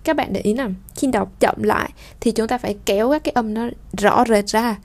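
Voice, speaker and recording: A woman from Vietnam teaching French pronunciation, explaining at length and reading French example sentences slowly and clearly. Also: fairly high pitch. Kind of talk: explanatory lesson.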